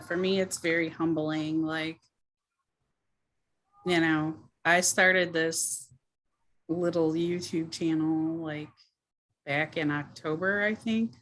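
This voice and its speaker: A woman's voice: on the low side, fairly bright tone. A woman chatting casually as an online video creator, modest and somewhat hesitant in how she talks. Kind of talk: casual chat.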